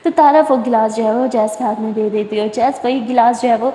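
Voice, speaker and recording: Brief: woman storyteller, chatty run-on retelling, high mellow voice. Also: fairly even intonation. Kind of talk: casual story narration. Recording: echoey room with long reverb.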